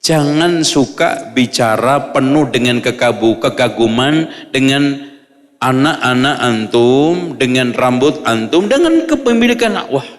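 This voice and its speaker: A man preaching, reading Arabic lines and explaining them in a lively way, acting out little examples with humor. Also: medium pitch, a little slow, long reverb tail. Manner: lively, acts out examples, jokes with audience. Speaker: Islamic preacher.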